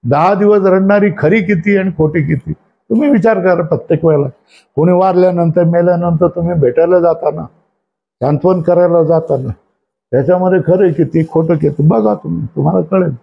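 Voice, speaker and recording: Man, spiritual teacher quizzing his listeners, high voice. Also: fairly quick, gravelly, highs cut off. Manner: asks the listeners questions again and again. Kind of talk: religious discourse.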